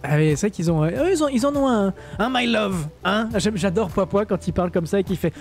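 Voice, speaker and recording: Un streamer français sans accent qui commente un simulateur de vol en direct, lit le chat et plaisante, avec beaucoup d'hésitations. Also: male voice, sits high, lively intonation, fast, darkish tone, soft background music. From France. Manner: chatty, joking, many hesitations. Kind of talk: live-stream flight sim commentary, reading chat.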